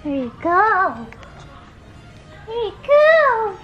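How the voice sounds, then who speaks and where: A woman talking to her dogs in a high, cooing pet voice with slow, exaggerated praise. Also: big pitch swings, highs cut off, soft background music, exaggerated voice. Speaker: dog owner. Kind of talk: high sing-song pet talk.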